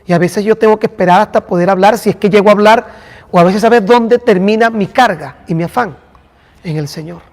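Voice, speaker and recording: A pastor teaching a church class speaks directly to his listeners, calling them by name in a conversational way. His voice sits high and moves briskly, with a long reverb tail.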